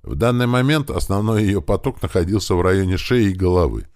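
A man reading a first-person audiobook with expressive storytelling. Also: sits low, fairly quick, dry recording, studio quality. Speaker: audiobook narrator.

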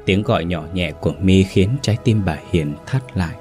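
A man narrating a horror story in a dramatic, measured way. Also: sits low, darkish tone. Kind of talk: scripted ghost story narration. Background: faint music.

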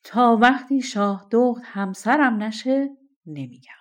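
A woman voicing a stubborn young shepherd who gives firm, flat refusals in a fairy-tale reading. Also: a little high, voice pushed up, close to an everyday voice. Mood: defiant.

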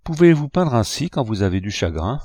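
A man reading the lines of a young girl, a niece, in a soft, sighing, melancholy manner. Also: medium pitch, sing-song, a little fast, slightly rough, no echo, clean studio sound. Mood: wistful. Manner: sighing, wistful.

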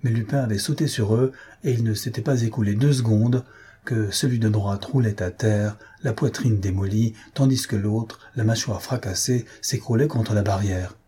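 A man reading a classic adventure novel aloud as an audiobook narrator, dramatic and measured. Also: lowish voice, mellow, breathy edge. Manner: dramatic reading, voicing characters lightly. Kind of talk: scripted narration.

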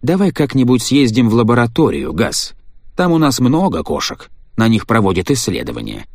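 A man's voice: medium pitch, huge pitch swings, moderate pace, a little mellow, dry recording, studio quality. A man reading the part of a cold, impatient scientist husband in an audiobook, speaking curtly and with contempt. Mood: irritated. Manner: curt, impatient, sneering.

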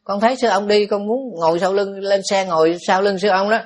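A man's voice: high voice, brisk, a little hiss or hum, voice pushed up, lightly acted. A man putting on a timid little girl ghost. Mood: pleading.

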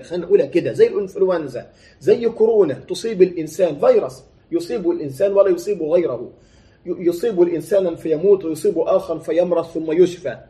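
Fast-talking Egyptian preacher, mellow voice. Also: male voice, a little high. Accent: Egyptian Arabic. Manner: mixes classical recitation with colloquial explanation, rhetorical questions. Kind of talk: sermon.

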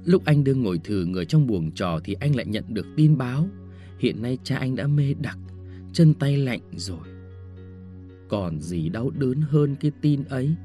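Male audiobook narrator: lively, melodic delivery, warm mellow tone, faint music underneath. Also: mid-range voice. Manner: expressive storytelling, shifting tone with the scene. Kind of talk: scripted story narration.

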